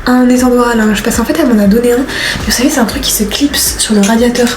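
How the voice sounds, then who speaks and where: A woman's voice: fairly high pitch, quick pace, background noise. A 19-year-old woman chatting casually to the camera as a vlogger, upbeat and chatty, showing her things as she talks. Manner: chatty and upbeat, lots of fillers, shows items to the camera. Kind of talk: casual vlog chat. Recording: music playing underneath.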